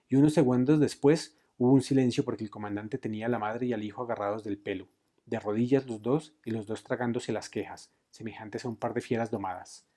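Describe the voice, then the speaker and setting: A man reading a novel aloud expressively, raising his voice for shouted lines. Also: fairly low pitch. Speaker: book reader.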